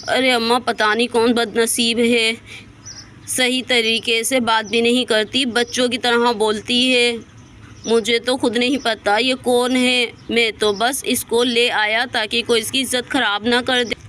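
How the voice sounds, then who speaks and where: A woman's voice: on the high side, level tone, measured pace, a bit bright, a little hiss or hum. A woman voicing a kind, protective young village man who rescues and comforts a girl in a storybook tale. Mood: firm, caring.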